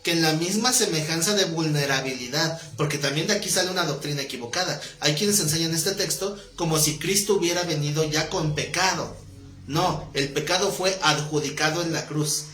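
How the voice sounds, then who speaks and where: Guy teaching bible class, fairly high voice, roomy echoey classroom, keeps tossing questions at the students. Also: fairly bright tone. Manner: conversational, quizzes the class with quick questions.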